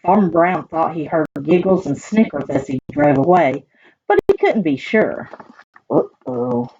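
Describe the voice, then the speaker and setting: This library storyteller has a low, darkish, sing-song voice and reads at a measured pace, though the recording is muffled with a little hiss or hum. With her Southern US accent, she reads a children's picture book, tossing in folksy chatter and questions for her young audience.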